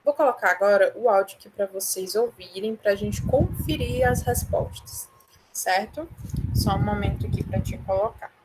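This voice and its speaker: Brazilian lady teacher, mid-pitch, patient, keeps checking in, noisy recording. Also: moderate pace. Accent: Brazilian Portuguese. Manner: patient, explains step by step with constant "ok?" checks. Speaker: English teacher. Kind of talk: online class explanation.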